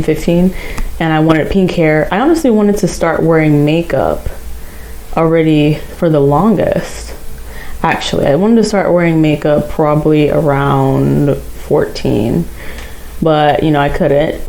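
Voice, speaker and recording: A nineteen-year-old woman with a low, mellow voice chats casually with her channel viewers, rambling along with fillers and small giggles. The audio quality is poor.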